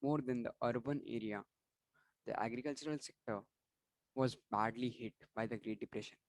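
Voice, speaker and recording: A man's voice: mid-range voice, moderate pace, no room sound, low-quality recording. Guy doing exam revision, keeps restarting words, dry close mic. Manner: apologetic, repeats and restarts words. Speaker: online tutor.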